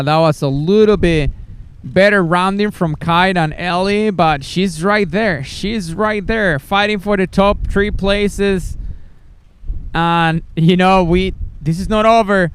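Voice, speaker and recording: A man's voice: sits high, fairly bright tone, clear, resonant tone. A man giving live race commentary, eager and chatty, with many fillers and restarts.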